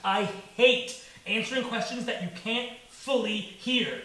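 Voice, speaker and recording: A young man in a comedic rant, loud, exasperated and mocking himself. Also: very high voice, a little slow. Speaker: comedic ranter. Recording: very echoey room.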